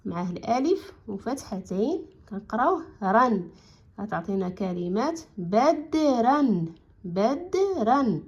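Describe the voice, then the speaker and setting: A woman with a Moroccan Arabic accent teaches young children to read, sounding out each syllable in a slow, drawn-out way. She drops into quicker, plain explanations between the words. Her voice sits at a middle pitch, and the recording is a little dull and lo-fi. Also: husky. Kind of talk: reading lesson for children.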